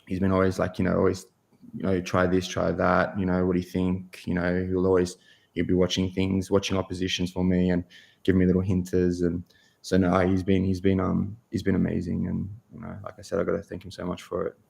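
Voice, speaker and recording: A young man talks casually as an interview guest, full of halting restarts and fillers. His voice sits low and gravelly. His delivery stays flat and even. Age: 20s. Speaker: guest goalkeeper.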